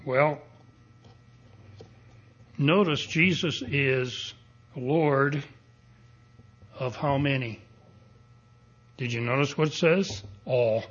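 A male pastor preaching a sermon at a pulpit microphone, speaking in a deliberate, emphatic way and building up to strong declarations. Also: medium pitch, dull audio. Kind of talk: expository sermon. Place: church sanctuary.

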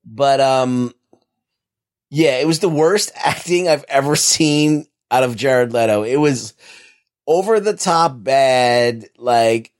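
A man's voice: medium pitch, slow. A man with an American accent, co-hosting a podcast and rambling casually through a movie review. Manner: rambling, laid-back, profane. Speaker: podcast co-host. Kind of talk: casual chat.

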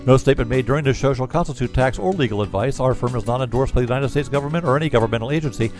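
A man reading a scripted legal disclaimer as an announcer, in a rapid fine-print manner. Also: mid-range voice, a little mellow, soft background music.

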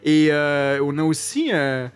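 High-voiced joking Québécois man host. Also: expressive, slow, smooth. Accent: Québécois French. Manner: jokey, laughs at own puns, many fillers. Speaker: radio show host. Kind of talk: casual studio chat.

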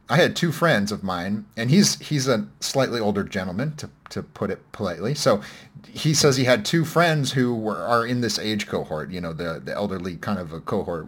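A man's voice: on the low side, animated, brisk, husky. A man hosting a casual podcast discussion, talking in a rambling, self-correcting, wry way. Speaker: podcast host.

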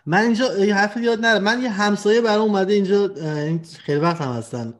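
A male host leads a relaxed conversation. He has a slightly higher voice than most men, and he searches for words as he goes, with frequent pauses and fillers. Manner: conversational, hesitant, many fillers. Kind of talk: casual chat.

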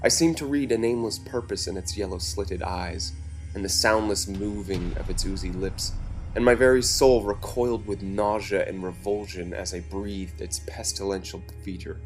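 A man giving a measured, dramatic scripted narration of a story. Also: sits low. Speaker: story reader. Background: soft music.

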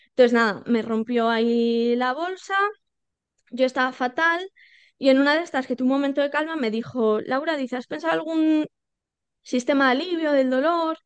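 A high-voiced woman tells her story as a podcast guest. She recounts it animatedly, slipping into quoted voices and filling pauses. Her voice is smooth and clean, recorded close and dry with no room sound. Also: dry recording. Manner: animated storytelling, acting out quoted dialogue with many fillers. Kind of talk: personal birth story told in conversation.

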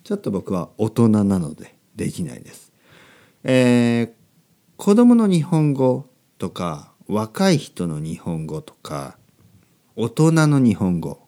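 A man in his thirties hosting a podcast for language learners, speaking slowly and simply and repeating key phrases. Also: lowish voice, huge pitch swings, dark tone. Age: 30s. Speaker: podcast host teaching Japanese. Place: recorded at night.

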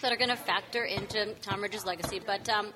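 A woman's voice: mid-range voice, steady tone, a little fast, background noise. A woman hosting a casual political news podcast, chatty, leading the talk with plenty of ums and restarts. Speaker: podcast host.

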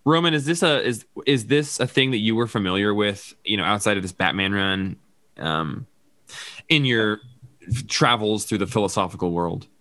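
Bright-voiced man musing over comics. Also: lowish voice, normal speed, no echo. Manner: rambling, thinking aloud with many fillers. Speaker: podcast host. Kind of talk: casual comic book discussion.

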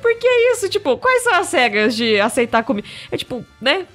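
A woman's voice: high-pitched, fairly quick, soft background music. A Brazilian woman co-hosting a podcast, telling stories in casual chat and acting out the voices in them. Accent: Brazilian Portuguese. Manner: animated storyteller, acts out voices. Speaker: podcast co-host.

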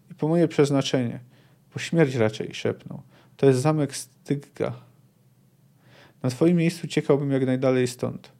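Male podcast host, dark mellow voice, mid-pitched, reads aloud then rambles thoughtfully. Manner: thinks aloud, discursive and unhurried. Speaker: podcast host reading and discussing a novel. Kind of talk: reads book passages aloud, then comments casually.

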